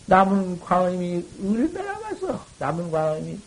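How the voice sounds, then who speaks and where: High-pitched monk exhorting in a dharma talk. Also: male voice, huge pitch swings, moderate pace, husky, rough recording. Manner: exhorting, swinging from loud outbursts to low murmurs; folksy colloquial speech. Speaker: Buddhist monk teaching.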